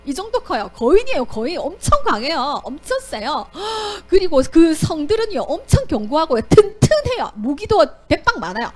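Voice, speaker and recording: Woman playing a frightened spy, gasping, pleading, swooping high voice. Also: sing-song, normal speed, few pauses, faint music behind. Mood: alarmed. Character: frightened adult male spy, breathless with alarm.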